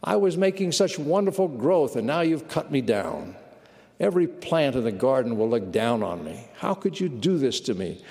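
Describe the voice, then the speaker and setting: A man's voice: mid-range voice, very animated, normal speed, darkish tone, long reverb tail. A man voicing a hurt, pleading currant bush, plaintive and reproachful, in a sermon story.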